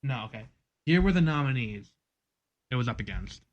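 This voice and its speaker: A man's voice: mid-range voice, animated, normal speed, muffled recording. A man co-hosting a casual movie podcast, rambling with many ums and getting exasperated. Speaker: podcast co-host. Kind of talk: casual chat.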